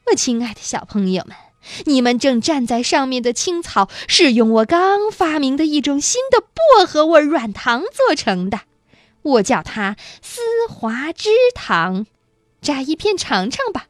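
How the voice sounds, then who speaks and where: A woman's voice: on the high side, big pitch swings, a little slow, a bit bright, dry recording, clean studio sound, exaggerated voice. A woman voicing a flamboyant eccentric male candy maker, showy, exclaiming and coaxing, in a children's storybook reading.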